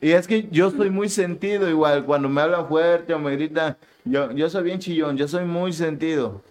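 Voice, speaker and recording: A man's voice: a little high, normal speed, a little hiss or hum. A man with a Mexican accent co-hosting a casual live-streamed podcast, telling a story with acted-out quotes and frequent laughter. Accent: Mexican Spanish. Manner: animated storyteller, acts out quotes, laughs often. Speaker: podcast co-host.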